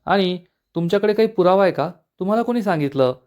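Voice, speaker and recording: Brief: defiant middle-aged father, voiced by a man, curt, slightly high voice. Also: expressive, quick pace, darkish tone. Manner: confident, curt.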